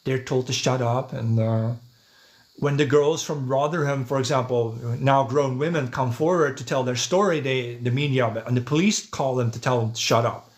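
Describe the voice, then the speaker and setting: A mid-range voice at a moderate pace belongs to a Dutch-speaking livestreamer and podcast host from the Netherlands. He talks casually in a monologue that responds to chat comments, thinking aloud and checking in with "right?" and "yeah".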